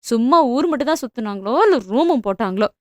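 A woman's voice: on the high side, expressive, dry recording, studio quality, lightly acted. A woman doing a sneering, spiteful elder sister. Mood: scornful. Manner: mocking, quick, scornful.

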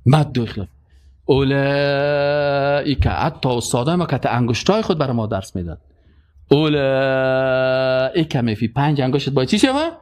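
A man's voice: mid-range voice, expressive, darkish tone. A man preaching a sermon, emphatic, asking rhetorical questions and reciting verses.

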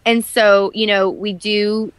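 A woman's voice: mid-range voice, little pitch movement, slow pace, smooth, dry recording. Chatty young woman with a dry close sound. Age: 20s. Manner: chatty, candid, many fillers and restarts. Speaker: actress guest. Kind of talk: casual interview chat.

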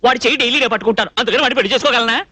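An actor playing a flustered young male cook who blusters and talks fast in a film comedy scene. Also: husky, no room sound, exaggerated voice. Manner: fast, excitable, swings wildly in pitch.

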